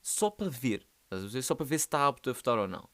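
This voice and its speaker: A man's voice: medium pitch, lively intonation, racing, fairly bright tone. Slangy young Portuguese podcast guy. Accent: European Portuguese. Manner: rambling, slangy and playful. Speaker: podcast host. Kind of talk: casual solo podcast monologue.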